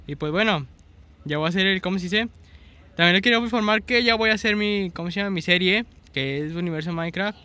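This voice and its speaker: Young guy gaming, highish bright voice, chatty, keeps going "how do you say". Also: quick pace. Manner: chatty, fumbles for words. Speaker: gaming channel host. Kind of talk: casual gameplay commentary.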